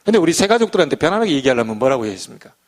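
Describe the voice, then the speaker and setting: Man, pastor giving a midweek sermon in church, slightly high voice with lively swings in pitch, chatty and acts out small scenes. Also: very fast. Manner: lively, conversational preaching, acting out little scenes.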